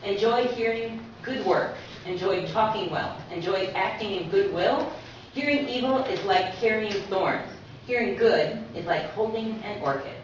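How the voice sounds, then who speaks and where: A guest speaker introduces her book to an audience in an informal, chatty lecture, sprinkling in asides and reading out aphorisms. She speaks in a mid-range voice, unhurried and with hardly any pauses. The venue is an echoing talk room at a community centre, recorded from far off, so the sound is muffled and noisy.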